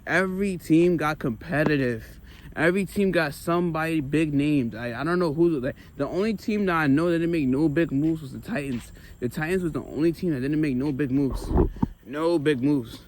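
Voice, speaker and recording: An American man chatting casually about sports while walking, emphatic and animated, often repeating phrases for emphasis. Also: a little high, brisk, poor audio. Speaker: sports vlogger. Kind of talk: casual rambling sports chat. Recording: clear street noise with passing vehicles.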